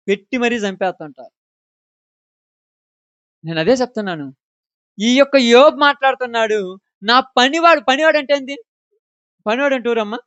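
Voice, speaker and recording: A man's voice: very high-pitched, fairly bright tone, clean tone, no echo, highs cut off. A man preaching a sermon, asking the congregation question after question to drive home his points. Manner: emphatic, asks the congregation questions.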